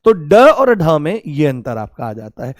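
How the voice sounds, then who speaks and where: A man's voice: a little high, big pitch swings, a little slow, no room sound, clean studio sound. A man teaching a grammar lesson, asking questions and answering them himself, fondly calling his students "babu". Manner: calls listeners "babu" affectionately.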